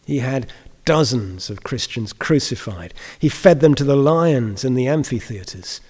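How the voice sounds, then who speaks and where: Kindly preacher in a reverberant hall. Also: male voice, mid-range voice, darkish tone. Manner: measured, explanatory, with rhetorical questions and deliberate pauses. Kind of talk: sermon.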